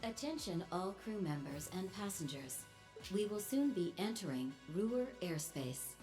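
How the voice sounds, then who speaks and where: An airship's loudspeaker announcer. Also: female voice, medium pitch, lively intonation, music in the background. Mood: formal. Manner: formal, measured announcing. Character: woman airship crew announcer addressing passengers.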